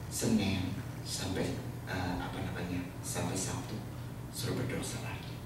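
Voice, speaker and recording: A man preaching a sermon as pastor, telling a story with lively asides and bits of English. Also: sits low, very noisy. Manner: animated storytelling, mixing in English phrases. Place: church sanctuary. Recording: echoey church hall from far off.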